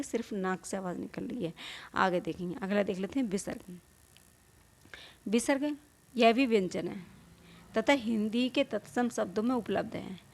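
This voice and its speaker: A woman teaching a Hindi grammar lesson, explaining patiently, repeating points, asking rhetorical questions and sounding out vowels herself. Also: medium pitch. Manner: demonstrates vowel sounds aloud.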